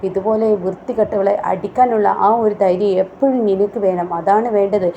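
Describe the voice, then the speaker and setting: A woman's voice: medium pitch, brisk, mellow, dull audio, slight background noise, lightly acted. A woman voicing a boastful young man who scorns his sister, as part of a chatty serial recap. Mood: proud. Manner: scornful, gloating.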